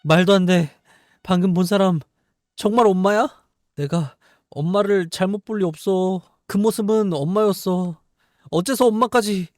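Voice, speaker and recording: A man voicing a frightened young girl who pleads in a high, tearful voice. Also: normal speed, darkish tone, no echo, studio quality, close to an everyday voice. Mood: pleading. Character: frightened young girl searching for her father.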